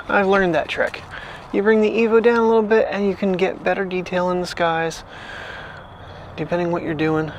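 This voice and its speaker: A man's voice: high voice, slight background noise, poor audio. A man chatting casually in a daily vlog, rambling and thinking aloud as he talks about gear and the cold weather. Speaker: daily vlogger. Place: outdoors at night, walking a dog. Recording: direct phone mic audio.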